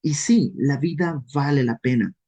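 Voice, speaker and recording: A man with a Mexican accent leading a casual verse-by-verse Bible study, lively and self-deprecating, often acting out questions in quoted voices. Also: medium pitch, unhurried, breathy edge, muffled recording. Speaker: Bible teacher.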